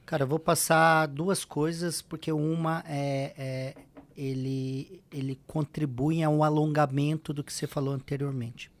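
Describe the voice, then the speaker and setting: Brazilian man, higher-pitched, emphatic motivational speaker. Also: level tone, a little slow, a little hiss or hum. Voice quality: slight tongue-tie. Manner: emphatic, listing points with rhetorical questions. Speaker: podcast guest, motivational speaker. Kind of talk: motivational advice in a casual interview.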